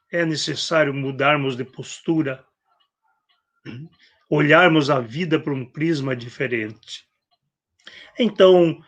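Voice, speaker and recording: A man with a Brazilian Portuguese accent preaches a spiritist sermon at an unhurried, deliberate pace. His voice sits fairly high for a man and has a gravelly edge. He acts out gospel quotes and clears his throat often. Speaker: spiritist speaker. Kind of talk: spiritist sermon on a live stream.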